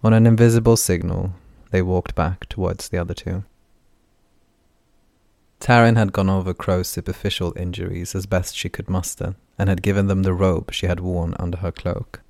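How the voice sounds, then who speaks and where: Deep, flat-voiced male audiobook narrator. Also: vocal fry, no echo. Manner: even, measured reading. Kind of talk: scripted fantasy novel narration.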